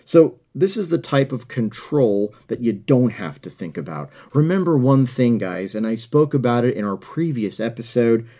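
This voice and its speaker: A middle-aged American man hosts a podcast, delivering an earnest motivational monologue and often repeating words as he searches for his phrasing. His mid-range voice is warm and very animated, moving at a normal speed with hardly any pauses.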